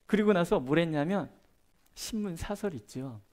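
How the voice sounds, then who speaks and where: A middle-aged man preaching a prayer-meeting sermon as a pastor, chatting through personal stories and moving between loud emphasis and soft, hushed asides. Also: a little high, lively intonation, moderate pace. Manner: conversational, tells personal stories with gestures.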